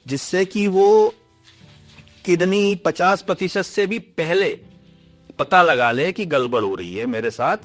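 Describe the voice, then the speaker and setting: A man's voice: mid-range voice, dry recording. A man hosting a health podcast, asking long, polite, meandering questions with English phrases mixed in. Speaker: podcast host. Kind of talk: interview questions.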